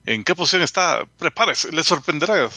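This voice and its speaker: A man's voice: on the high side, animated, brisk, bright, forceful tone, dry recording. A man co-hosting a podcast remotely from home in casual, conversational chat. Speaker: podcast co-host.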